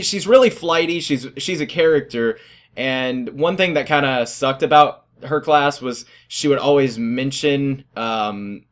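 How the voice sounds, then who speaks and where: A teenage boy casually telling stories about his school days, rambling and self-deprecating, often laughing at himself. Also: mid-range voice. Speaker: vlogger. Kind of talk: casual storytelling.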